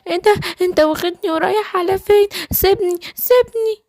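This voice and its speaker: A woman with an Egyptian accent voicing a naive little girl gazelle in a children's cartoon, with a high, pleading, childlike voice. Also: steady tone, normal speed, fairly bright tone, dry recording, clean studio sound. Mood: frightened.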